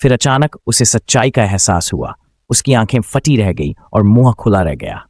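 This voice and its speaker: A man's voice: on the low side, big pitch swings, normal speed, darkish tone, no room sound, clean studio sound. A man giving scripted narration as a comic recap storyteller.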